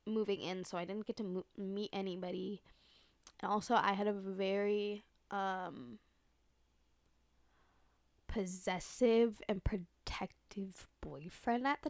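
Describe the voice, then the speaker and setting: A woman's voice: medium pitch, smooth, dry recording. Young woman, dry-sounding, chatty and slangy. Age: young adult. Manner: slangy and profane, with heavy filler "like". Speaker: podcast host. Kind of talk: casual solo chatty monologue.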